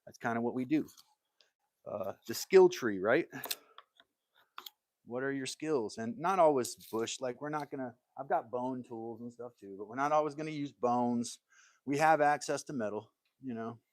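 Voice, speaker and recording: Here an American man with a mid-range voice runs a relaxed woodworking livestream from his shop, responding to comments as he rambles along. He speaks at a moderate pace, and there is no echo.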